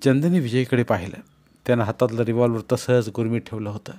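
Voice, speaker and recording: A man reading a dramatic story aloud in a measured, dramatic narration. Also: mid-range voice, steady tone, mellow. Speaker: audiobook narrator.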